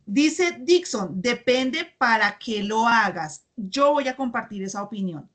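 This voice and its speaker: A woman's voice: fairly high pitch, animated, a little slow, fairly bright tone. Woman teacher checking in often. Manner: checks understanding with frequent tag questions. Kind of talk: online class, reading chat comments aloud.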